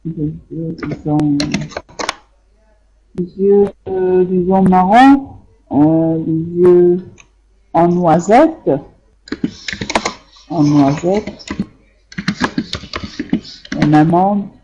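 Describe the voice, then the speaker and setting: An online French teacher whose first language is Arabic corrects students' sentences, hesitating with many fillers and patiently repeating things. Her mid-range voice is very slow and pauses often. The computer microphone gives dull audio with a noisy background.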